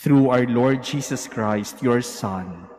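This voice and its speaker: A man leading Mass as a priest, speaking each line of the liturgy slowly and with care. His voice sits in an ordinary middle pitch. It rings through a large cathedral with a long, lingering echo. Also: darkish tone. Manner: slow, measured recitation. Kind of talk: liturgical prayer.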